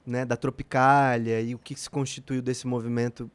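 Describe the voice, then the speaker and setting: A man's voice: medium pitch, little pitch movement, normal speed, smooth. A man with a Brazilian Portuguese accent, a musician guest talking in a casual podcast interview, reflective and rambling with many fillers.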